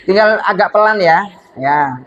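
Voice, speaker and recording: A man leads a storytelling workshop, lecturing a group in an upbeat, coaxing way and counting students in for practice drills. His voice is high and a little slow, the audio is dull, and a noisy crowd can be heard behind him.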